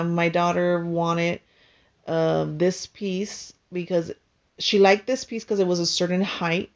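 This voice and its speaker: A woman calmly narrating her own home video, explaining things step by step with frequent pauses. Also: low voice, lo-fi sound. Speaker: vlogger. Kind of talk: casual voice-over narration.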